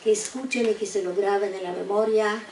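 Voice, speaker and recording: Elderly woman in her eighties, deliberate halting speaker, heard from a distance with faint noise. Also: mid-range voice, steady tone, darkish tone. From eastern Poland. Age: 80s. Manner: slow, deliberate, with repeated restarts. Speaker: guest speaker giving survivor testimony. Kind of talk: spoken testimony to students. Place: university auditorium. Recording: echoey room, distant mic, faint noise.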